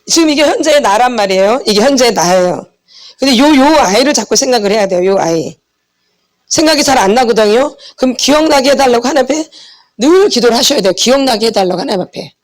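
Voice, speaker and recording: A woman teaching a church healing seminar in a sermon style, asking her listeners short questions and answering them herself. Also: fairly high pitch. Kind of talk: teaching sermon with call and response.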